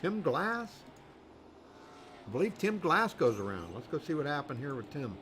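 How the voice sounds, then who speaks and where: Guy calling a stock car race, kinda high voice, rambly and folksy, lots of uhs, faint engines behind. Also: animated, normal speed, fairly bright tone, slight background noise. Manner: rambling, folksy, many fillers. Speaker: race commentator. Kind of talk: live motorsport commentary. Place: commentary booth at a racetrack.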